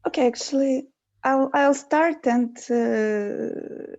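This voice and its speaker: A woman's voice: sits high, slow pace, darkish tone, no echo. A woman with a Russian accent, a lawyer giving a hesitant online presentation with many fillers. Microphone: video call. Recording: muffled video call audio.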